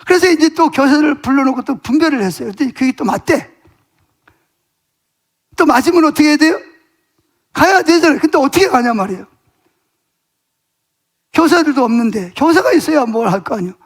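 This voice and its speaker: A man's voice: extremely high pitch, a little fast, pauses often. A middle-aged man preaching in a church, telling a story from the pulpit and acting out the conversations in it. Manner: animated storytelling, acting out dialogue with God and others. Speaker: pastor. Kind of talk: sermon with storytelling. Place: church sanctuary.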